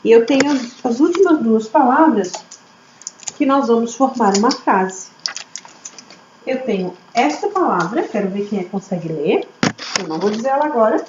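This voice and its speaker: A woman teacher, slowly sounding out words syllable by syllable for young children. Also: a little high. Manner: slow, syllable-by-syllable, lively teacher questions. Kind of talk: early literacy lesson for children. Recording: echoey room, slightly dull audio, faint hum.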